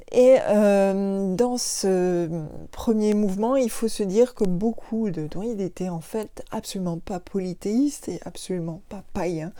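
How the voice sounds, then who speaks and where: A woman giving a casual spoken lecture to her stream audience, digressive and hesitant, often pausing with fillers and drifting into asides. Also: fairly low pitch, warm tone. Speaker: host of an esoteric talk stream.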